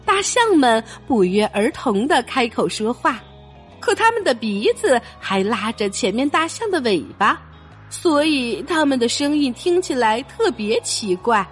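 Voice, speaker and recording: A woman reading a picture book aloud for children in an expressive storytelling way. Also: fairly high pitch, a little slow, soft background music.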